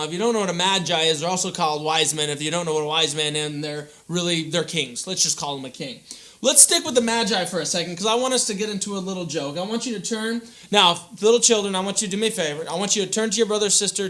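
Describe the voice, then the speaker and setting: Playful, bright-voiced children's preacher. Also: male voice, high voice. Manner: playful, animated, uses props, addresses children. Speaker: children's pastor. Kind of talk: children's sermon storytelling.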